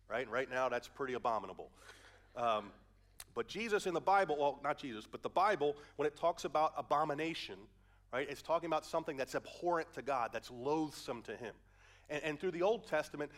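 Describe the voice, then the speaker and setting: This man, a pastor with a head cold, keeps his sermon conversational, explaining the verses he reads and asking his listeners questions. His voice is on the high side and slightly bright.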